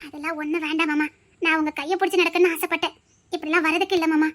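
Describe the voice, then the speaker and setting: A woman voicing a sheltered, sweet young student with a Tirunelveli accent, gentle and affectionate. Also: extremely high pitch, fairly even intonation, fast. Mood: tender. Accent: Tirunelveli Tamil. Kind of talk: web-series drama acting.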